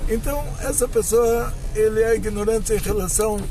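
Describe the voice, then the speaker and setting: A Brazilian rabbi with a Brazilian Portuguese accent, talking casually and patiently from inside a car. His voice sits unusually high for a man, and a faint hum of vehicle noise runs underneath. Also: steady tone, normal speed, warm tone, poor audio. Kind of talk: casual explanatory talk.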